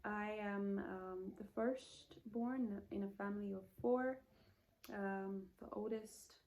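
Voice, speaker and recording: A woman in her late twenties from Zambia talks to her viewers in a relaxed, rambling vlog style. She wanders off track, corrects herself and fills pauses with ums. Her voice is mellow and warm, at a medium pitch. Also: poor audio. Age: late 20s. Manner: chatty, rambling, self-correcting with many fillers. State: feeling hot in the room. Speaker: vlogger. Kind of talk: casual get-to-know-me vlog. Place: indoor room.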